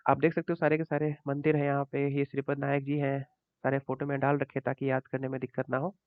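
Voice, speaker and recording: A man's voice: medium pitch, monotone, quick pace, no echo. A man teaching current affairs for exams over slides, in a conversational way that keeps checking in with "ठीक है". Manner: conversational, repeats points and adds checks like "ठीक है". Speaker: exam coaching teacher. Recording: tinny phone-like dry audio.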